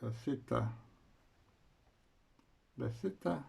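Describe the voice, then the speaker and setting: Slow gravelly man lecturing physics. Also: medium pitch, expressive, darkish tone. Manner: slow, halting, frequent "uh" pauses while writing. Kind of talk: university lecture.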